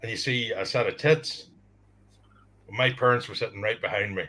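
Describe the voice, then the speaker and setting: A man's voice: on the low side, moderate pace, pushed and bright. A man chatting casually on a video call, telling crude jokes and laughing at them. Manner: crude humor, laughs at his own jokes. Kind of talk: casual chat.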